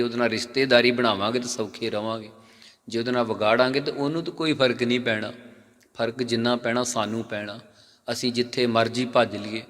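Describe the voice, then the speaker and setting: A male Sikh preacher giving a sermon. He asks and answers his own questions and slows down to chant lines of scripture. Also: mid-range voice, a bit bright. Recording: long hall reverb.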